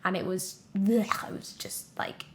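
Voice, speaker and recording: Whispering in a mid-range voice at a slightly slow pace, a young adult British actor shares stories as a podcast guest. She's chatty and giggly, animatedly performing the lines she and others said.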